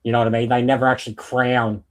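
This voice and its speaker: A man's voice: medium pitch, level tone, fast talker. A man in a casual, opinionated wrestling chat, talking in an emphatic, rambling, sweary way. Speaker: wrestling podcast panellist.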